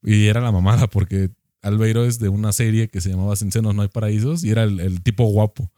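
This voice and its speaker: A young man with a Mexican accent telling a profane, animated anecdote in casual chat. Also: fairly low pitch, quick pace, dry recording, clean studio sound. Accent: Mexican Spanish.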